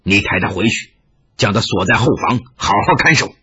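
A man voicing a stern older Taoist elder who speaks low and commanding. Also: lively intonation, a little fast, bright, forceful tone, slightly rough, dull audio, exaggerated voice. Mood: grave.

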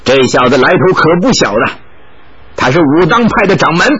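A man's voice: on the high side, sing-song, moderate pace, a bit bright, highs cut off. A man voicing a sly, grinning young man who teases and taunts. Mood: taunting. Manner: teasing, mocking.

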